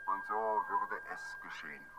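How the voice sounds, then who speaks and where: A man narrating a literary story in a slow, brooding dramatic reading that swells in force. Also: sits low. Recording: loud background noise.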